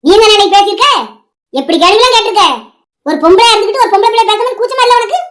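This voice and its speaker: Someone doing a bitter old cartoon granny villain, squeaky high voice, taunting. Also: female voice, rapid-fire. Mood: scornful. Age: older. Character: vengeful scheming old village woman. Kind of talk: animated cartoon voice acting.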